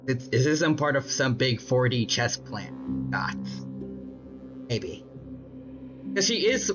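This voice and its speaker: A young man giving casual gaming commentary, joking and thinking aloud in rambling sentences. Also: medium pitch. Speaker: gaming streamer reacting. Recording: slightly dull audio, music underneath. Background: game music.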